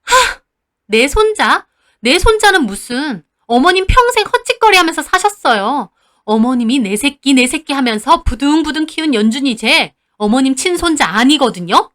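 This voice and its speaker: A middle-aged mother at the end of her patience, as a woman narrator acts her out, who argues sharply and confronts her in-laws. Her voice sits fairly high and swings widely from phrase to phrase. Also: lively intonation, normal speed, hardly any pauses, a bit bright. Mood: angry.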